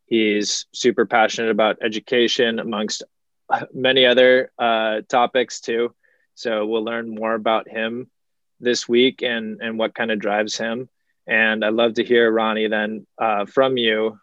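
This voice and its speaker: Low, flat-voiced male podcast host. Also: no room sound, lo-fi sound. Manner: relaxed, halting, many fillers. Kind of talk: casual interview hosting.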